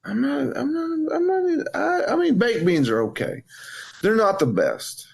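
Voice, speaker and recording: This man's voice is extremely high with big pitch swings, a little slow, and gravelly and husky. He's a wrestling coach co-hosting a podcast, bantering and telling stories in a blunt, joking way with lots of swearing.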